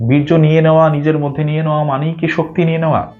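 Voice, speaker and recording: A man's voice: fairly high pitch, little pitch movement, racing. A man with a Bangladeshi Bengali accent giving a spiritual talk, arguing with many rhetorical questions. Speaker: spiritual speaker. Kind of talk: spoken religious talk. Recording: dull lo-fi audio with faint guitar music.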